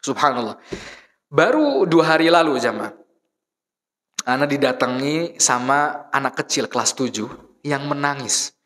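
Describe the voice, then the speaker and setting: A man's voice: medium pitch, animated, unhurried, long pauses. Man preaching in an echoing mosque hall. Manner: asks the congregation rhetorical questions and answers them; swings between soft asides and raised emphatic points. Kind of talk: conversational sermon.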